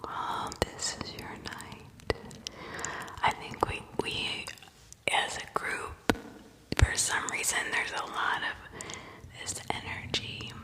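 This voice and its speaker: A woman whispering breathily as an ASMR livestream host, soothing and reassuring as she chats to viewers. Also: big-room sound. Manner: soothing, reassuring, with repeated words.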